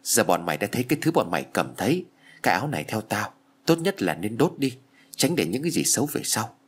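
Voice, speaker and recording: A man's voice: lowish voice, sing-song, quick pace, slightly rough. A man voicing a brash teenage village boy who bluntly tells his friends what to do.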